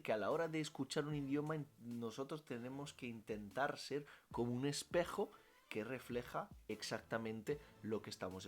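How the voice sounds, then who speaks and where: A man with an Italian accent, a language teacher answering questions in a casual vlog, talking freely and correcting himself as he goes. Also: medium pitch. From Italy. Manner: animated, self-correcting, thinks aloud with fillers.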